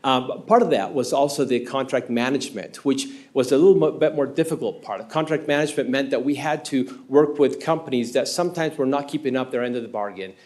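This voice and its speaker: At a city council chamber podium microphone, a council candidate in his fifties with an Argentine Spanish accent answers an interview question at a public meeting. He is earnest but halting, pausing often and filling gaps with "uh." His voice is medium-pitched and a little mellow.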